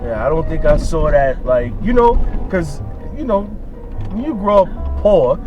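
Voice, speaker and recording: A man's voice: a little high, big pitch swings, a little slow, dull audio, soft background music. A man in his forties chatting casually in a car, telling stories animatedly and laughing often. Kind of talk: casual chat.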